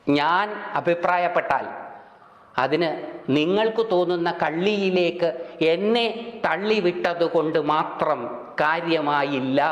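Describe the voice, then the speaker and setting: Slow-speaking older man, echoey hall. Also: high voice, fairly bright tone. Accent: Kerala Malayalam. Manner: slow, deliberate oratory with long pauses. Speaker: spiritual speaker. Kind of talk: religious discourse.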